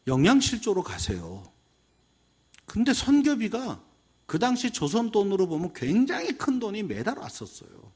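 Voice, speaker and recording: A middle-aged male pastor gives a teacher training talk in a high, husky voice. His pitch swings widely as he acts out what children and teachers say. He moves easily between stories and teaching. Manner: animated, acting out quoted voices of kids and teachers.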